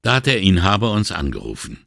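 A man's voice: sits low, big pitch swings, fast, creaky, a bit bright, no echo, clean studio sound, exaggerated voice. A man voicing a weary, indignant middle-aged male police inspector in an audiobook, sighing and exasperated. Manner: sighing, exasperated and morally upset. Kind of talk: audiobook character reading.

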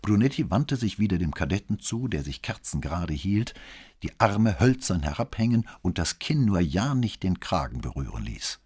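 A man narrating an audiobook novel in an expressive storytelling manner. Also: low-pitched, moderate pace, breathy edge. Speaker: audiobook reader.

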